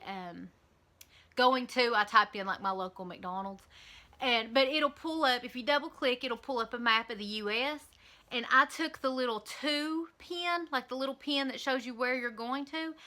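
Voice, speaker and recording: A woman's voice: fairly high pitch, pushed and bright. A woman with an Eastern Kentucky accent talking casually and candidly to camera in a vlog, with frequent ums and likes. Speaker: vlogger.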